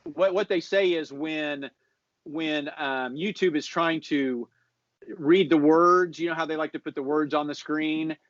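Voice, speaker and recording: A man giving social media marketing advice in a relaxed chat, explaining patiently and often restarting his sentences. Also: fairly high pitch, measured pace, no echo. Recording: dull lo-fi audio.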